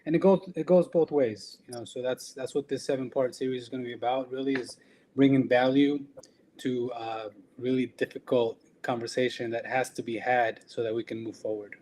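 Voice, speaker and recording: A man's voice: mid-range voice, steady tone, a little fast, warm tone, a little hiss or hum, poor audio. A man from El Salvador, an electrician and business owner, speaking earnestly and reflectively in a casual conversation.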